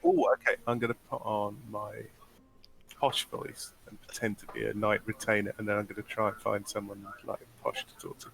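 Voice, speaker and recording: A man's voice: lowish voice, big pitch swings, fairly quick, gravelly, a bit bright, slight background noise, rough recording. A man playing in a tabletop game, chatting eagerly. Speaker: player. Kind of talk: casual tabletop game chat.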